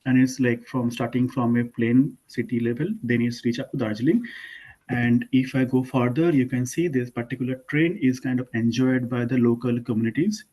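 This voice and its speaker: A man's voice: medium pitch, fairly even intonation, moderate pace, warm tone, low-quality recording. A young Indian man speaking English with an Indian accent, giving an online lesson to students in an informal way, with frequent fillers and self-corrections. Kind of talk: presentation to school students.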